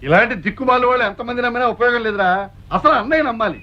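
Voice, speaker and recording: A man's voice: very high voice, very fast. A scheming, bossy father. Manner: scheming, bossy toward his son. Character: scheming middle-aged father, boastful plotter. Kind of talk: film comedy dialogue. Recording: dull lo-fi film audio with faint hiss.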